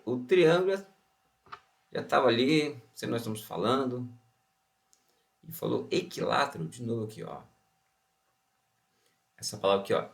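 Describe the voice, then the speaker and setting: A man's voice: mid-range voice, creaky. A Brazilian man teaching an online science lesson, asking rhetorical questions and then answering them himself. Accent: Brazilian Portuguese. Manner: opens with a Bible verse and blessing.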